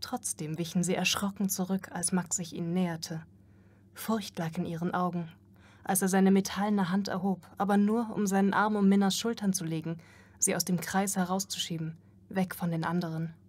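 A woman's voice: fairly low pitch, flat delivery, moderate pace, darkish tone. A woman narrating an audiobook in a tense, dramatic reading.

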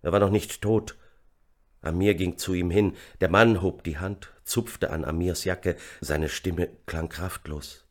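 Deep voiced guy reading a dark audiobook, slow and somber. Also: steady tone. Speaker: audiobook narrator. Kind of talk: scripted narration.

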